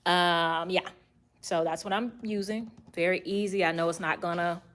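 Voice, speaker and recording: Chatting at a moderate pace in a lowish voice, this sewing channel host thinks out loud while working through a casual tutorial in her sewing office. As she moves about, her voice comes nearer and farther from an added mic, with the camera across the room, roomy echo and faint background hiss.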